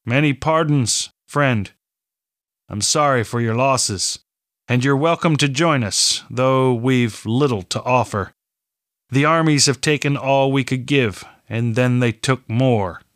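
A man's voice: mid-range voice, slow, fairly bright tone, no room sound, clean studio sound. A man voicing an elderly village man, wary of strangers at first and then welcoming, in an audiobook reading.

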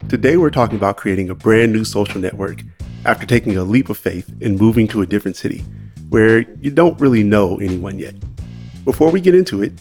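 Low-voiced man hosting a podcast. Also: creaky. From Los Angeles. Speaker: podcast host, psychotherapist. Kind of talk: scripted podcast intro.

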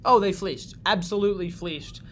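High-voiced man giving quick opinions. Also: sharp tone, slight background noise. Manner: opinionated, quick to pick sides. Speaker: podcast co-host. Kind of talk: casual sports chat.

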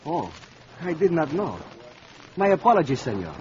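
A suave Mexican rival in an old radio drama. His accented voice is fairly high and very animated, smooth and over-polite with a needling edge. The recording is dull and lo-fi. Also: normal speed. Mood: courteous, boastful. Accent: Mexican Spanish. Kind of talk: 1950s radio drama acting. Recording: lo-fi old radio, faint noise.

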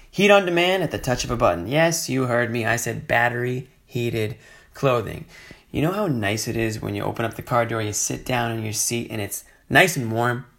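A man's voice: medium pitch, creaky, a bit bright. A man delivering a conversational, scripted sponsor read straight to listeners. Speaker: sponsor ad reader.

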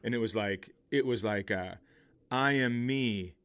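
A middle-aged man's voice, on the low side, clear and resonant, comes a little slowly as he tells casual comic stories. He is a comedian podcast host, profane and animated, acting out the quotes of those involved.

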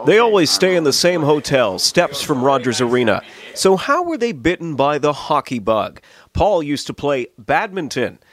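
A man's voice: fairly high pitch, big pitch swings, moderate pace. A man narrating a scripted television news feature as a reporter.

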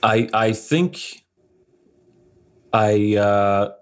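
A man playing a tabletop game, talking in a hesitant, halting way. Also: on the low side. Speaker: player.

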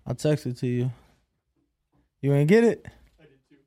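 A man's voice: medium pitch, lively intonation, moderate pace, dark tone. A man co-hosting a podcast in casual, informal chat with plenty of slang. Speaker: podcast co-host.

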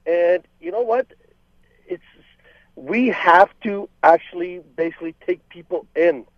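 A man's voice: sits high, a little slow, dry recording. A man from Lebanon calling in to a radio talk show, arguing insistently and cutting in. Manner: insistent, interrupting. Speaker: caller. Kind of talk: call-in radio debate. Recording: dull lo-fi phone line.

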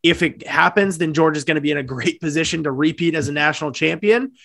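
Halting, dry-sounding man talking football. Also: a little high, vocal fry, a bit bright, dry recording. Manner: hesitant, many fillers and restarts. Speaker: sports podcast co-host. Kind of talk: casual sports talk.

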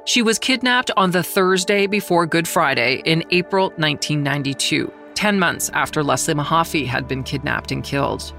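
Somber, gravelly true-crime narrator. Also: medium pitch, sharp tone, soft background music. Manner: measured and somber, slowing on grave details. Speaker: journalist who covered the trial, narrating.

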